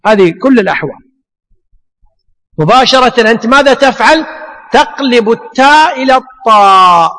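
A man teaches a class in a very high voice, moving step by step through rhetorical questions and repeating each point. His voice rings with a long reverb, as in a lecture hall. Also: pushed and bright. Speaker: teacher of Arabic morphology.

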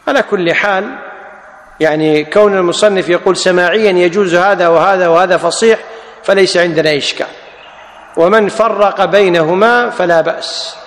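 A man teaching classical grammar, explaining each word, repeating it and quizzing his students. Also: high-pitched. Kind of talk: classroom lecture with questions to students. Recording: echoey hall with long reverb.

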